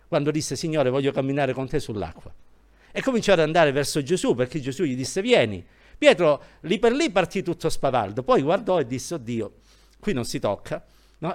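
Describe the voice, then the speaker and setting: A middle-aged man preaching a sermon as pastor, animated, asking his congregation rhetorical questions. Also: on the high side.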